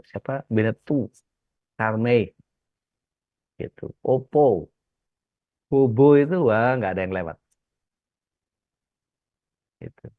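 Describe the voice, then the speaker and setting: With a deep, gravelly voice, a male Islamic preacher tells stories during a casual religious talk and acts out each quoted character. The recording has no echo and sounds dull, dry and lo-fi.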